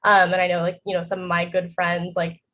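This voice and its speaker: A young woman student speaks at a brisk clip in a slightly low voice. She rambles enthusiastically on a panel and leans on fillers. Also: monotone, fairly bright tone, slight background noise. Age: young adult. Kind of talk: casual panel chat.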